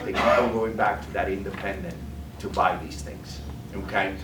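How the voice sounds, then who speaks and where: Deep-voiced and fairly even in intonation, this presenter moves at a moderate pace through a live product demo at a food trade room, tacking "okay?" onto his points. Expect echo, a far-off mic and noise.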